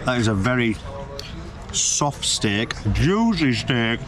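This food reviewer and vlog host, a thirtysomething man with a British accent, has a mid-range voice that's very animated yet slow. He chats to camera in a slangy, emphatic way, repeating phrases for effect, from an open-air terrace beside a road where traffic and street noise carry through.

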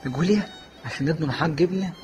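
Man as hurt young son cast out by family, pleading, fast-talking, faint music. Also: fairly high pitch, a little mellow, lightly acted. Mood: refusing.

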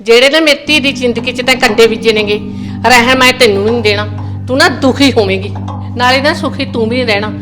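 Middle-aged rural Punjabi mother-in-law played by a woman, rapid scolding, slightly high. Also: natural voice. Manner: fast, scolding and accusing. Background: background music.

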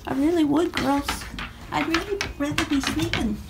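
Filming herself with a handheld phone, an older woman narrates casually as she does morning chores outdoors in the backyard and shed at night, cooing to her dogs and chickens in a sweet, high sing-song. Her voice is gravelly with fairly even intonation at normal speed, and heavy background noise surrounds her.

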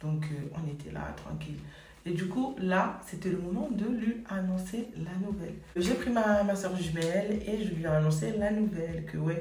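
A woman's voice: on the low side, a little mellow, recorded from a distance, a little hiss or hum. Chatty woman telling a story in an echoey room. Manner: chatty, many fillers and "et tout". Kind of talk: casual personal storytelling.

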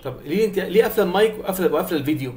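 A man's voice: high voice, lively intonation, very fast, darkish tone, a little hiss or hum. A young man with an Egyptian Arabic accent teaching a private online math lesson, coaxing his students and checking that they follow. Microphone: video call.

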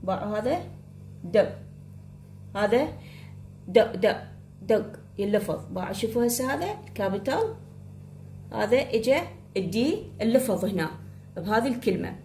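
A woman with an Iraqi Arabic accent teaching English letters to pupils, speaking slowly and repeating herself while she writes. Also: medium pitch, very animated, warm tone. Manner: slow, repeating, addresses pupils directly. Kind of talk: spoken blackboard lesson. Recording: echoey room with faint hum.

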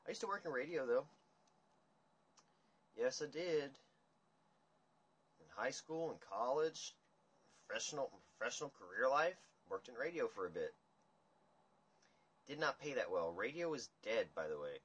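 A young man hosting a casual livestream chat, ranting in a rambling, profane, animated way. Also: mid-range voice, moderate pace, pauses often, husky. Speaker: livestream host. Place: dim room indoors. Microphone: phone camera at table.

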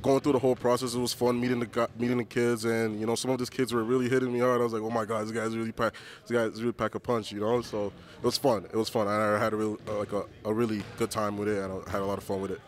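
Young male player, low monotone, fast, laid-back. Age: young adult. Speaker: university football player.

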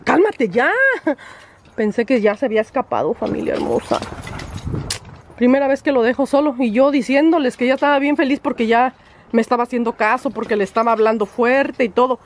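A woman vlogging casually from home, chatty and exasperated, sometimes breaking off to scold her dog in sharp high bursts. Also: lively intonation, fast, slight background noise. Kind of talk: casual vlog chat. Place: at home, indoors and outdoors.

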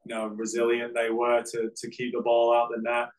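A man, a football coach answering press questions after a game on a video call, measured and full of fillers. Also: mid-range voice, poor audio. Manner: measured, flat delivery with many fillers. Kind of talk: post-game press conference. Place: press backdrop, indoors.

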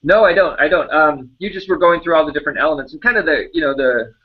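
A man's voice: a little high, fast. A man co-hosting a casual puzzle podcast, talking in a loose, easygoing way with trailing phrases. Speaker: podcast co-host. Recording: dull lo-fi podcast audio.

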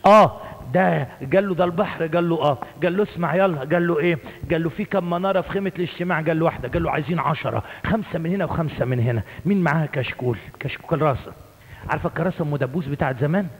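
Fast, high-voiced Egyptian preacher in a church. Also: male voice. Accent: Egyptian Arabic. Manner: call-and-response, has congregation repeat words. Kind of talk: sermon. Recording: reverberant church hall.

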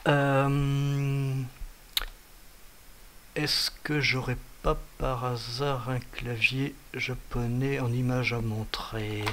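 A man presents a casual computer tutorial at his desk, his voice sitting at an ordinary middle pitch. He thinks aloud, pausing on fillers as he types out live examples. Faint keyboard clatter and mouse clicks run underneath. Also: flat delivery, fairly bright tone, slight background noise. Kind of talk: casual screen-share tutorial.

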